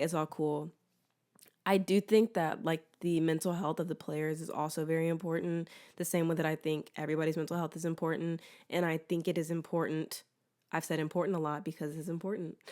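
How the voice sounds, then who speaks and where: Low-pitched American woman, candid podcast chat. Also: smooth. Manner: candid, rambling, self-deprecating, slangy. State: swollen throat. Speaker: podcast host. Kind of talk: casual solo sports podcast chat.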